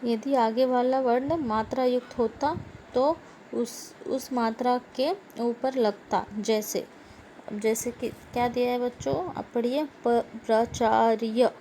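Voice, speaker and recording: A woman's voice: on the high side, fairly even intonation, takes it slowly, dark tone, a little hiss or hum. A woman teacher giving a grammar lesson to schoolchildren. She repeats words and keeps asking the class questions.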